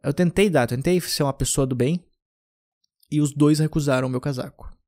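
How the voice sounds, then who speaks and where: On his podcast, a young man from southern Brazil wanders through one loose anecdote after another, restarting sentences and dropping in filler as he goes. His voice is fairly high for a man, a little mellow, and his pace is brisk.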